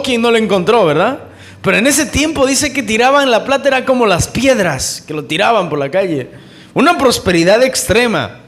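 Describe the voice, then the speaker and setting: A man preaching a sermon, fervent, calling his listeners brothers and asking rhetorical questions, racing through some phrases and slowing right down on others. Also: high-pitched, a bit bright. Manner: shifts between quick bursts and slow emphatic phrases.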